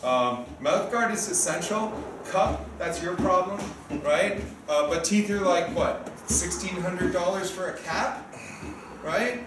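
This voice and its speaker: Speaking slowly in a high voice, a man in his fifties organizes and referees a sparring event, giving a group an informal coaching briefing and often checking in with short tag questions. The recording is echoey and distant, made in a room with noise.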